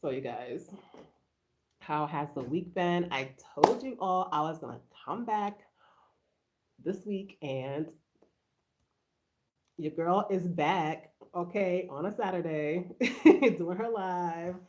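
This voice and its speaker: A woman's voice: on the low side, takes it slowly, long pauses, darkish tone, slight background noise. A woman from Haiti hosting a casual live stream, greeting viewers and answering their comments aloud in a chatty way. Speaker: livestream host.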